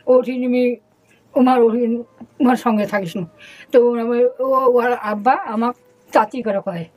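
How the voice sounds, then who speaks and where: Older woman, mother, tearful, rural dialect, high pitch. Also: steady tone, measured pace, a little mellow, no room sound, muffled recording. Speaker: guest, mother. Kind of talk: emotional conversation.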